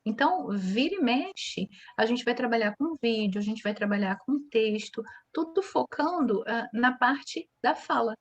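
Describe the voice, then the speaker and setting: A woman's voice: fairly high pitch, expressive, unhurried, few pauses, dull audio. A woman from Brazil, an English teacher, answering interview questions in a chatty way, explaining with examples.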